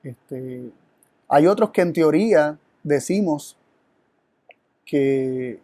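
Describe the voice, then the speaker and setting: A man's voice: on the high side, lively intonation, drawn-out words, dark tone, no room sound. A man presenting a Bible study, teaching in an earnest, reflective way and asking rhetorical questions. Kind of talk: teaching sermon.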